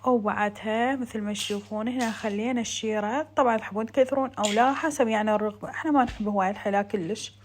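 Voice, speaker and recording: A woman's voice: on the high side, fairly even intonation, racing, few pauses, slight background noise. A woman with a southern Iraqi Arabic accent doing a casual, chatty vlog voice-over, talking to viewers like friends as a home cooking vlogger. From Iraq.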